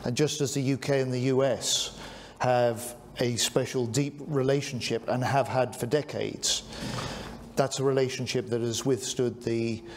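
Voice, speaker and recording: A man hosting a press conference as defence secretary, calling on reporters by name and answering their questions in a measured way. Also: mid-range voice, fairly even intonation, a little hiss or hum.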